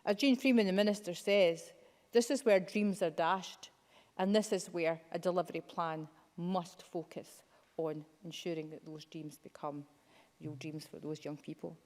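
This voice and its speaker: Woman MP, lowish voice, emphatic formal speech, chamber reverb. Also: fairly even intonation, normal speed, a little mellow. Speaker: member of parliament. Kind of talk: parliamentary speech. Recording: long reverb of a debating chamber.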